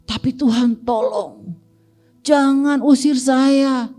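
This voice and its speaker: Lady doing a whiny pleading demon in a kids' bible story, squeaky high and drawn out. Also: fairly even intonation, mellow, faint music behind. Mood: begging. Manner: whiny, begging, drawn-out pleas. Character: pleading demon horde possessing a man.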